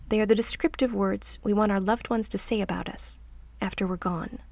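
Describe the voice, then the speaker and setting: A middle-aged woman hosts a scripted self-help podcast in a medium-pitched voice on a dry recording. She speaks softly and reflectively, often trailing off into a near-whisper.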